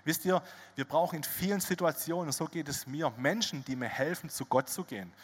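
A man preaching a sermon as pastor, telling stories in a lively way with casual asides. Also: fairly high pitch, fairly quick, breathy edge. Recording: long hall reverb.

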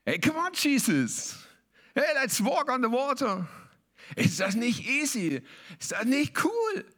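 A preacher doing a cocky swaggering apostle. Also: male voice, very high-pitched, wildly swooping pitch, takes it slowly, fairly bright tone, pitched above the performer's own voice, full character voice. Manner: boastful, brash, mixing in English slang. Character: cocky swaggering male apostle, boastful young man.

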